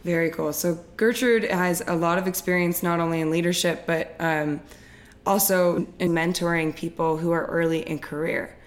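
A woman's voice: on the low side, steady tone, normal speed. A woman in her twenties hosting a podcast interview, making upbeat, scripted introductions and asking questions. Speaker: podcast host.

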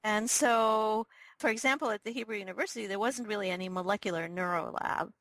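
A middle-aged woman from Israel speaks as an interview guest, thinking aloud with frequent ums and self-corrections. Her voice sits at an ordinary middle pitch. The sound is close and dry, with no room around it. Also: brisk, fairly bright tone, dry recording, poor audio. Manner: thoughtful, lots of ums and restarts. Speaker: guest, neurobiology professor. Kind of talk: interview answers.

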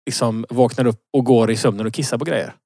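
A man's voice: medium pitch, fairly even intonation, dark tone, no echo, clean studio sound. A man in his thirties co-hosting a casual podcast, rambling through a story with lots of fillers and laughing at himself. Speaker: podcast co-host. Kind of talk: casual chat, telling an anecdote.

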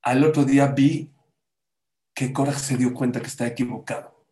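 A man giving a sermon as a rabbi, animated, acting out quoted voices with sudden loud and soft turns. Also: mid-range voice, moderate pace, echoey room.

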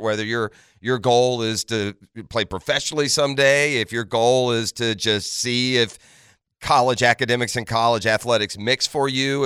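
A man's voice: mid-range voice, fairly bright tone, smooth, no room sound, studio quality. A man hosting a morning sports radio show, talking in an earnest, emphatic, conversational way straight to his listeners. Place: radio studio. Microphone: close studio microphone.

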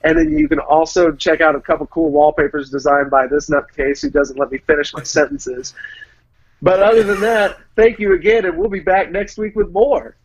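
A man's voice: on the high side, normal speed. A man co-hosting a wrestling podcast in a laid-back, playful chat, and signing off the show. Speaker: podcast co-host. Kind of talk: casual chat. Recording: dry, dull lo-fi sound.

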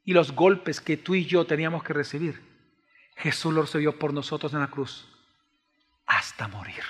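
A man preaching a sermon, swinging between hushed pleading and raised, emphatic preaching. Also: fairly high pitch, moderate pace, breathy edge. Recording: long reverb of a large hall.

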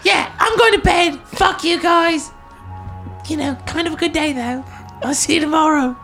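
A woman playing a crude, swearing adventurer in a tabletop game, in a lively way. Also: sits high, moderate pace, faint music behind. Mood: gruff. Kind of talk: tabletop role-play in character.

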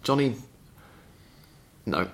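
A man's voice: extremely slow, a bit bright. A man hosting a casual podcast chat, reading out listener questions in a chatty, dry way. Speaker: podcast host.

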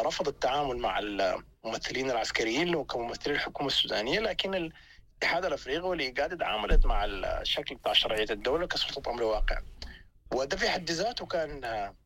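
A man from Sudan with a Sudanese accent giving spontaneous political analysis as an interview guest, often halting and repeating words as he searches for phrasing. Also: medium pitch, lively intonation, bright, forceful tone, rough recording.

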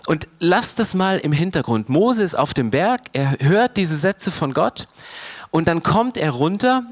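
Animated German-speaking pastor preaching. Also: male voice, measured pace, no echo. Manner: animated preaching, swings between loud emphatic bursts and quiet low asides. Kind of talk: sermon.

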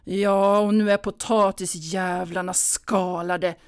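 A woman's voice: mid-range voice, level tone, clean tone, no room sound, studio quality, lightly acted. Bitter grown daughter, sullen, hissing delivery, voiced by a woman reader.

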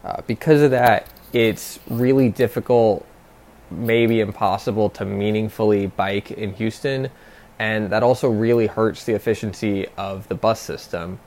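A man from West Virginia calling a talk show, laying out a listener question in a measured, orderly way. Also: fairly low pitch, fairly even intonation, darkish tone. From West Virginia, United States. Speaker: caller with a question.

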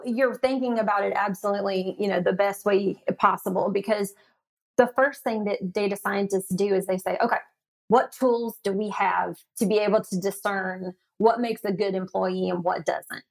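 A woman guest on a podcast interview who explains AI in a lively, chatty way, with lots of fillers and frequent laughter. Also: mid-range voice, normal speed, vocal fry, low-quality recording. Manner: animated, laughs often, many fillers. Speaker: guest expert on AI.

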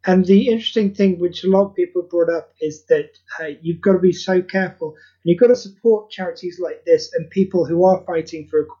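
On a dull, lo-fi recording, a podcast guest who makes charity audio plays chats in an earnest, rambling, informal way. His voice sits high, is dark with a breathy edge, and moves fairly fast with hardly any pauses.

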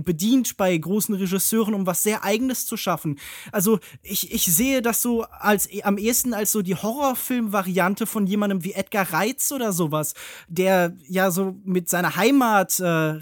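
A man's voice: sits high, dry recording. A man talks through films as a podcast panelist. His phrasing is elaborate and intellectual, his approach analytical, and the sound is dry and close. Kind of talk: analytical film discussion.

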